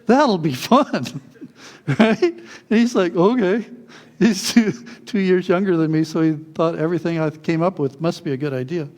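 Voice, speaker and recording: A man with a fairly high voice preaches with lively, animated storytelling. He chuckles as he goes and acts out the voices of the people in his anecdotes before easing into his lesson. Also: moderate pace. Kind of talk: sermon with childhood anecdotes.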